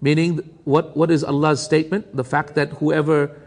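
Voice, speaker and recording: A male Islamic teacher with a fairly high, gravelly voice that moves at a brisk clip. He chants verses rapidly and then unpacks them for his audience. The sound rings out in a large hall with a long reverb. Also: level tone. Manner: recites Arabic verses rapidly, then explains them to "brothers and sisters". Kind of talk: Quran commentary lecture.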